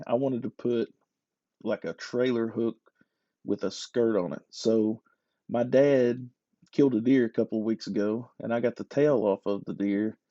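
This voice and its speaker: A man's voice: mid-range voice, warm tone, no echo. A man talking through a lure-carving tutorial in a casual, self-deprecating, joking way, recorded with slightly dull lo-fi audio. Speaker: hobby lure carver.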